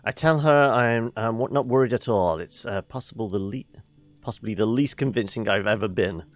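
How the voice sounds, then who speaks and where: A gamer giving casual, low-key commentary while playing, muttering and reading story dialogue aloud. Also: normal speed, faint music behind.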